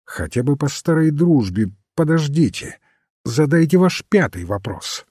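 A man's voice: on the high side, measured pace, husky, no room sound, clean studio sound, pitched above the performer's own voice, heavily acted. A man voicing a mild, patient little priest. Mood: calm, cryptic. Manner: calm, gently cryptic.

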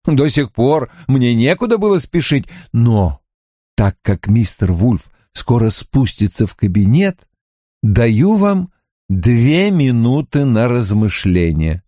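A man's voice: medium pitch, very animated, slow pace, mellow, no room sound. Dry, wry male audiobook narrator. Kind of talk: first-person audiobook narration.

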